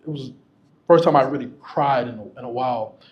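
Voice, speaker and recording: A man's voice: medium pitch, a little fast, muffled recording. A man speaking candidly and casually to an audience as a featured guest, laughing often. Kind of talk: candid storytelling to a live audience.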